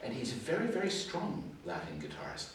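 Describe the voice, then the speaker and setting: Speaking fairly fast with huge swings in a fairly high pitch, this older adjudicator, English-born with early life in Canada, addresses performers at a school music hall competition. His Suffolk accent shows Canadian traces, and his feedback wanders chattily with self-deprecating remarks. Recorded on a distant mic in a very echoey hall, with slight hiss or hum.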